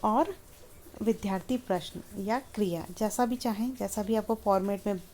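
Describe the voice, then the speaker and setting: A woman's voice: medium pitch, moderate pace, mellow, a little hiss or hum. A woman tutor walking trainee teachers through a lesson plan step by step, in a patient, methodical teaching manner. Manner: patient, methodical, walks through each item in turn.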